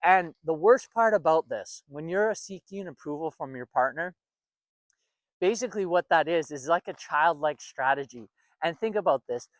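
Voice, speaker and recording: A man's voice: on the high side, animated, moderate pace, dry recording. A middle-aged man, married, talking casually as a relationship coach, repeating phrases and stressing points. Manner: conversational, repeats phrases, emphatic asides. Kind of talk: casual advice monologue.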